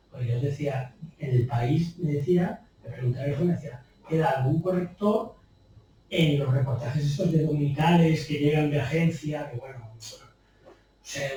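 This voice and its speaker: A man's voice: fairly high pitch, warm tone, a little hiss or hum. A man from Spain, a copy editor giving an informal public talk in a chatty, anecdotal way, tagging on rhetorical questions. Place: bookshop event room. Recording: distant, very echoey room recording in a bookshop.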